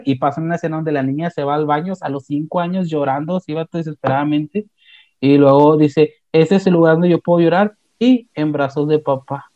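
A young man with a Mexican accent, casually retelling an anime plot in a slangy, animated way with many restarts. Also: on the high side, no echo. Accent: Mexican Spanish. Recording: dull, slightly lo-fi dry sound.

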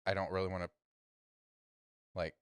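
A man co-hosting a podcast in casual chat, often breaking into high-pitched laughter. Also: little pitch movement, moderate pace, clear, resonant tone, no room sound, studio quality. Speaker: podcast co-host.

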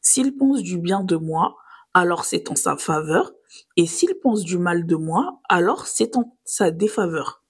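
Breathy woman hosting a reflective podcast. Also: mid-range voice. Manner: earnest, reflective, with filler pauses and small laughs. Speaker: podcast host. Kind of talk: solo religious reflection podcast.

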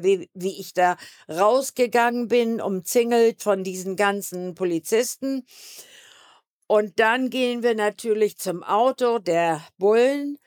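A woman's voice: medium pitch, no echo, studio quality. A woman as a podcast guest, telling her own story candidly and emotionally, with restarts. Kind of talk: personal storytelling.

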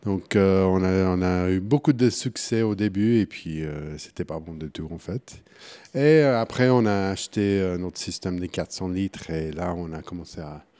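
A man from Kansas, a brewer speaking French as a guest in an interview, halting with many restarts and fillers. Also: low voice, dark tone. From United States (Kansas). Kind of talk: casual interview.

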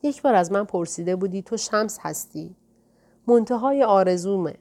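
A woman reading the part of a calm, soft-spoken older man, a gentle mystic, in an audiobook. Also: mid-range voice, lightly acted.

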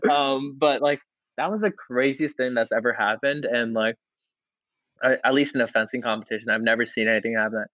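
A young man co-hosting a podcast, telling a story in a casual, excitable way with lots of "like" and restarts. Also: medium pitch, fairly quick, no echo, highs cut off. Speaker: podcast co-host.

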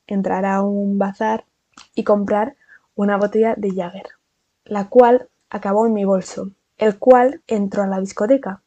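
A young woman from Spain with a Spanish accent, telling a casual storytime vlog in a chatty, animated way full of fillers and asides. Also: medium pitch, dry recording.

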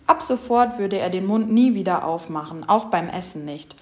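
A woman reading a children's story aloud with lively, expressive storytelling. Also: medium pitch, moderate pace. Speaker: storybook reader.

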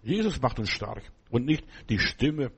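A male pastor preaching a sermon, animated, swinging between loud bursts and low asides. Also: measured pace, vocal fry, breathy edge.

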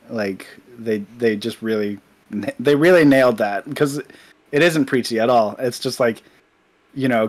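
A man co-hosting a film podcast in casual chat, enthusiastic and quick to react, with a lot of "like". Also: mid-range voice. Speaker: podcast co-host.

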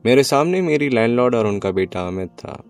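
A man's voice: medium pitch, animated, a little fast, vocal fry, clean tone, soft background music. A young man narrating a first-person love story in a wistful, reflective way.

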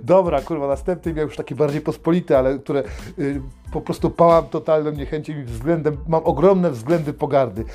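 A man hosting a comedic rant monologue, swearing constantly and mockingly yelling out names. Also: fairly high pitch, fairly quick, soft background music. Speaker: host.

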